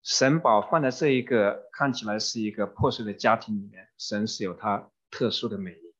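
A man interprets a sermon phrase by phrase, rendering each one promptly to keep pace with the preacher and using some fillers. His voice is on the low side, a bit bright, and fairly quick, in a dull, muffled recording.

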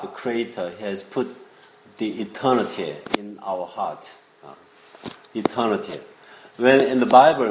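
Speaking at a fairly low pitch, a South Korean preacher whose first language is Korean talks informally to young people in halting English. He is 50 or older, a visiting preacher who also teaches at a seminary, and he frequently checks in with his audience. The echoey indoor church room adds faint noise to the recording.

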